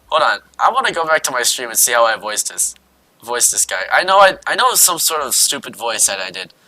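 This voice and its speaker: A man's voice: mid-range voice, sing-song, fairly quick, sharp tone. A man streaming, reading a visual novel aloud with casual, self-mocking asides. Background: faint game music.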